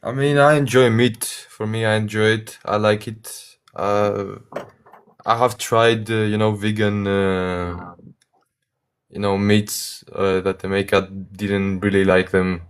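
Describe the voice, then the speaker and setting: A young man calls in to a casual debate show, speaking in a low, flat, clean-toned voice. Greek is his first language, and he's halting and hesitant, full of uhs, and apologetic about his English.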